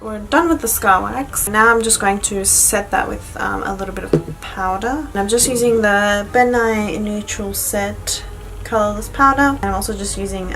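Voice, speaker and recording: A woman's voice: mid-range voice, a bit bright, low-quality recording. A woman beauty vlogger chatting informally as she explains a makeup tutorial step by step. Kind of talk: casual instructional chat.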